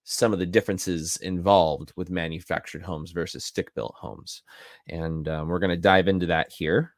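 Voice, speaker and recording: Podcast co-host, male, very low voice, easygoing and rambling. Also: dry recording, clean studio sound. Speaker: podcast co-host, real estate agent. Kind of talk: casual podcast chat.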